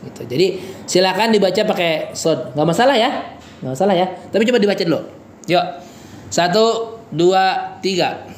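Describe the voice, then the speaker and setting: A man teaching a relaxed Quran reading class, slowly chanting verses and then explaining in a chatty way with lots of fillers and everyday examples. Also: sits high, reverberant, background noise. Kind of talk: casual Quran reading lesson with recitation.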